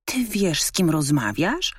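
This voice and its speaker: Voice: mid-range voice, sing-song, unhurried, breathy edge, no echo, clean studio sound. A woman voicing a proud, pompous pedigreed male dog in a storybook reading, with a raised, haughty, indignant tone. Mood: scornful.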